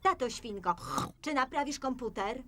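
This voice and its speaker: A woman voicing a calm, sensible mother pig in a dubbed cartoon, patient and gently firm. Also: sits high, moderate pace, a little hiss or hum.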